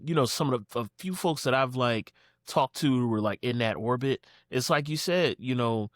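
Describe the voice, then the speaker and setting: Man, from Philadelphia, podcast guest, casual filler-heavy talk, mid pitch, dry close sound. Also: no room sound. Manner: relaxed, lots of fillers, acts out quotes. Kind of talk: casual conversation.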